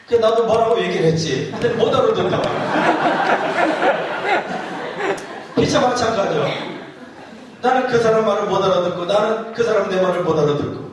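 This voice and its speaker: A man preaching a sermon, storytelling with humor and mimicking dialect phrases. His voice sits fairly high. He is heard from a distance in a very echoey church hall, with faint noise behind him. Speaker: pastor.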